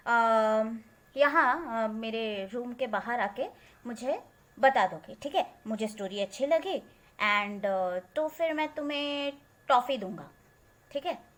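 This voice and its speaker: A woman's voice: on the high side, fairly bright tone. A woman voicing a playful, shrewd old grandfather who teases and encourages his grandson in a told story. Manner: teasing, encouraging, upbeat.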